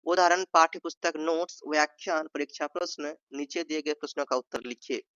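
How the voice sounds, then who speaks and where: A man with a slightly high voice teaches an exam-prep lesson, repeating each point and acting out sample sentences in different tones. The recording is dry, with no room sound. It is also a little dull and muffled. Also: steady tone, a little fast, sharp tone, smooth, no echo. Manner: repeats points, says "ठीक है" often, acts out sample tones. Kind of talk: explanatory Hindi lesson.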